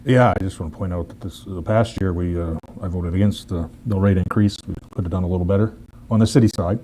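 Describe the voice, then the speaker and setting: Fast-talking deep-voiced councilman. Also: fairly even intonation, dark tone, a little hiss or hum, low-quality recording. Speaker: city councilor and candidate. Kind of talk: candidate forum remark.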